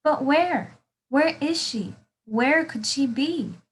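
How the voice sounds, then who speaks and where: A woman's voice: high-pitched, expressive, slow pace, voice pushed up. A woman voicing a lost, anxious but determined baby bird in a storybook, earnest and pleading. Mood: worried searching. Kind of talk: storybook read-aloud.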